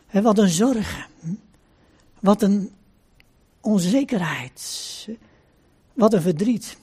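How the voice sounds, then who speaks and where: Husky, mellow-voiced solemn male preacher. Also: high voice. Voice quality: solemn, repeats phrases for emphasis. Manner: slow deliberate preaching with "hè" asides. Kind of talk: sermon with scripture reading.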